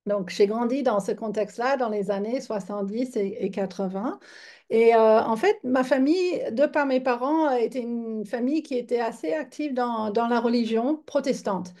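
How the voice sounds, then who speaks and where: A woman in her fifties from Michigan, a yoga teacher giving an online lecture in a chatty, halting way with many fillers and restarts. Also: fairly high pitch, warm tone. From Michigan, United States. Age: 50s.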